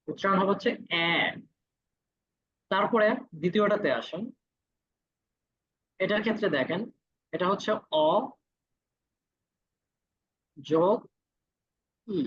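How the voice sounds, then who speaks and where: A man's voice: high-pitched, a bit bright, breathy edge. Patient male teacher, muffled lo-fi audio. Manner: patient, repeats each vowel sound slowly. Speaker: Korean language teacher. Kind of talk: classroom lesson.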